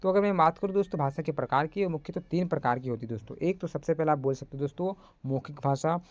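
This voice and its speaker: A man's voice: fairly high pitch, quick pace, no echo, muffled recording. Chatty young male teacher, dry close sound. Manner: chatty, repeats "friends" often. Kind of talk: casual online lecture.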